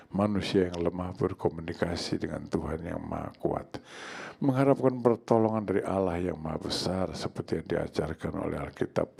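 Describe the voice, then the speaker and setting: Older male pastor for a church sermon; low raspy voice, swings from hushed pleading to loud cries.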